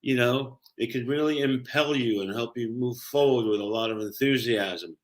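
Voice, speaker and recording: A man's voice: medium pitch, moderate pace. An older man with a Brooklyn, New York accent, explaining and telling personal stories conversationally as a career coach, emphatic and often checking in with the listener.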